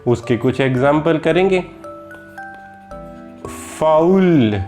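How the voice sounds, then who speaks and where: A man's voice: on the high side, slow, darkish tone, soft background music. A man with an Indian accent teaching a lesson, patiently repeating each example word and addressing his viewers as children. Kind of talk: slow explanatory lesson.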